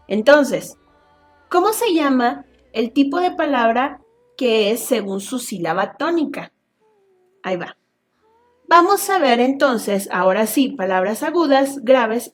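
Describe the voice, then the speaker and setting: Woman, teacher, from Mexico, slow, fairly high voice, checks in with students. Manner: slow and explanatory, often checking with a questioning "¿sí?". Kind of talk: online class lecture.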